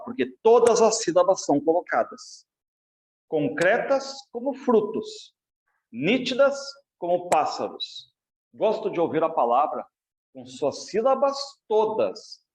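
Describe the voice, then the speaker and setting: A man's voice: fairly high pitch, lo-fi sound. A man with a Brazilian Portuguese accent teaching literature in an exam review lecture, addressing students directly and often checking that they follow.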